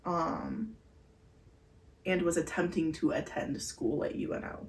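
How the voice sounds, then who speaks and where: Heard from a distance in an echoey room, a podcast co-host earnestly explains breathing exercises in a casual chat full of fillers. Her voice is lowish and her delivery unhurried.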